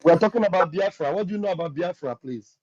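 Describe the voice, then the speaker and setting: Loud, urging moderator with dull audio. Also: male voice, high-pitched, quick pace, a crowd in the background.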